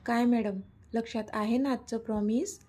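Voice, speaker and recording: A teasing, lovestruck young man, as a woman narrator puts him on, coaxing and pleading in a storybook reading. The voice is mellow and a little breathy and sits fairly high. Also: steady tone, unhurried. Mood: coaxing, playful.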